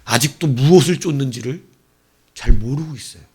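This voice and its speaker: A male pastor preaching a sermon, telling the story with animated bursts as he acts out quoted lines. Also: mid-range voice, brisk, slightly rough.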